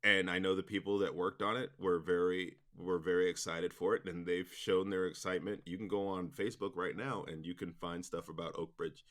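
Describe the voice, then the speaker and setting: A man's voice: low voice, level tone, fairly quick, hardly any pauses, fairly bright tone. A man talking casually and enthusiastically as an interview guest about his work, rambling in an informal way. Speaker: interview guest, audio drama producer.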